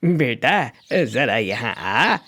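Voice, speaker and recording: A man voicing a scheming middle-aged village merchant in a cartoon, coaxing low and slow. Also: very animated, bright, forceful tone, full character voice.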